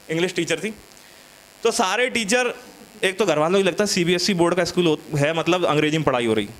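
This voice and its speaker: A man's voice: sits high, fairly bright tone. A young man from India doing a stand-up comedy set, chatty and teasing the audience, acting out school stories. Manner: chatty, teasing the audience, acts out classroom scenes.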